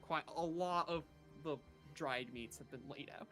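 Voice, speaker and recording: Player in a tabletop game, mid pitch, steady third-person narration, loud music in the background. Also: measured pace. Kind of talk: narrating own character's actions in a tabletop game.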